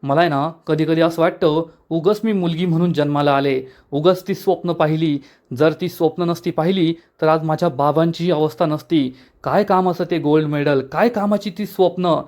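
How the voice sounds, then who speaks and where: A woman's voice: deep voice, normal speed, darkish tone, close to an everyday voice. A man reading as a bitter young woman blaming others. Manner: bitter, accusing. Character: young woman, grieving and angry daughter.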